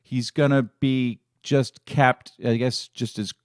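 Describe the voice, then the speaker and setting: A man's voice: mid-range voice, steady tone, takes it slowly, no room sound, studio quality. A middle-aged man hosting a fan live stream, talking in a casual, emotional and rambling way with many restarts. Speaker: fan channel host.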